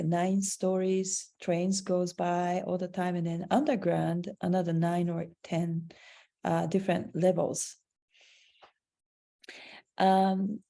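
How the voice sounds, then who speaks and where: A woman with a low, gravelly yet mellow voice and a Japanese accent presents her artwork in an online slideshow over a video call. She speaks haltingly, often searching for words.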